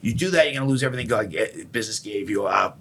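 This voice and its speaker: A man's voice: fairly low pitch, animated, racing, a bit bright, slightly rough. A man hosting a casual podcast conversation about recovery, blunt and emphatic, swearing freely. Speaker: podcast host.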